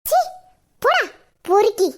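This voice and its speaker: Audio drama heroine: a shrill, sharp-tongued young woman, quick to scold, close to tears, voiced by a woman. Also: big pitch swings, full character voice. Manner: scolding, tearful pleading. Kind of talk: amateur Tamil audio drama.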